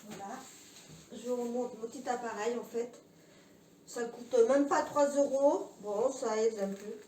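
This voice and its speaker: A high-voiced woman talks slowly and breathlessly as she exercises at home, stopping often for fillers. She sits far from the mic, and the room noise is clearly heard around her. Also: warm tone. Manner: chatty, filmed mid-exercise, filler-heavy. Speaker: fitness vlogger. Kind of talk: casual home workout vlog.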